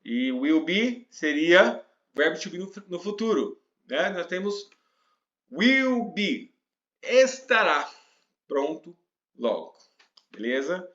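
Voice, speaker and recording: A man with a Brazilian Portuguese accent teaching English in a casual lesson, explaining patiently and reading example lines slowly. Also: a little high, sing-song, a bit bright. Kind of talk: casual spoken language lesson. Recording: roomy, dull lo-fi sound.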